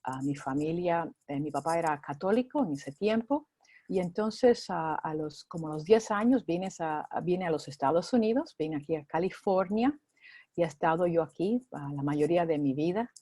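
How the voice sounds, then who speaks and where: A middle-aged Cuban woman, a guest from a ministry, chats through a conversational interview in a Cuban accent, using lots of fillers. Her low, dark voice is animated at a moderate pace, with no echo.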